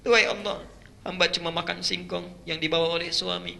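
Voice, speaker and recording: A man voicing a poor older mother who prays softly and tearfully for her child, in a sermon. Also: high voice, flat delivery, fairly quick, vocal fry, a little hiss or hum, full character voice. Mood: pleading. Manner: soft pleading prayer.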